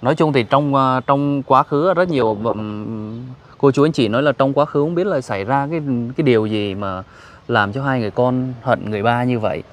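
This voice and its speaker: A man's voice: medium pitch, brisk. A man hosting an interview outdoors, politely asking questions and restating the answers back. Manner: polite, frequent deferential yes-words, paraphrases answers back. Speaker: host, charity vlogger interviewing. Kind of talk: casual interview. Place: outdoors at a rural cemetery.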